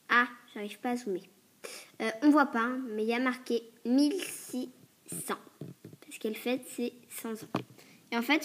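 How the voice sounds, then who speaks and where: A woman with a rough, hoarse voice pitched a little high talks her way through a casual show-and-tell review. She rambles, hesitates, corrects herself and keeps coughing and clearing her throat. It sounds like it was picked up by a tablet's built-in mic. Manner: chatty and hesitant, many fillers and self-corrections. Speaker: doll reviewer.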